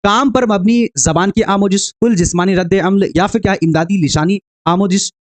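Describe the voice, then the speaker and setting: A man with a notably high voice leads an exam-prep lecture. He works through each question step by step, poses rhetorical questions and answers them himself. He keeps addressing his viewers as dear friends and checks in with a frequent "okay.". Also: moderate pace. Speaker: teacher.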